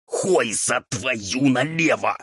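A man's voice: medium pitch, lively intonation, takes it slowly, a bit bright, breathy edge, dry recording, studio quality, pitched above the performer's own voice, heavily acted. A man voicing a fussy, irritable male ghoul cook who hisses and scolds in a strained, altered timbre. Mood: scolding. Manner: scolding, bossy.

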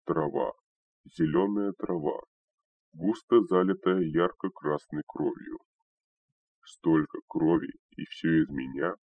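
A man narrating a first-person audiobook in a measured, dramatic reading, in a dull, dry recording. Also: extremely low pitch, fairly even intonation, no echo, recorded from a distance.

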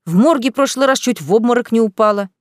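A woman's voice: fairly high pitch, expressive, fast talker, no room sound, clean studio sound, pitched above the performer's own voice, close to an everyday voice. A woman reading a jovial young male detective with an easygoing, chummy manner, in a storybook reading.

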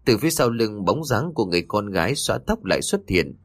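A man narrates a ghost story with dramatic expression. His low, husky voice moves through a lively pitch range, recorded close and dry. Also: fast, dry recording. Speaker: audiobook narrator.

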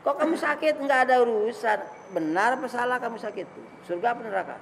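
Gravelly man giving a chatty sermon. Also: very high voice, animated, fast talker, fairly bright tone. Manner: chatty, teasing, laughs often, sings verse endings. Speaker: ustaz leading a Quran study. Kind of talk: informal sermon with Quran recitation. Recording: echoey hall, noisy.

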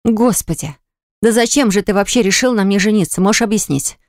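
A woman voicing a frightened young woman who talks in a shrill, pleading way, pitched well above her own voice. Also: fairly quick, a little mellow, no room sound, studio quality, lightly acted. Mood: alarmed.

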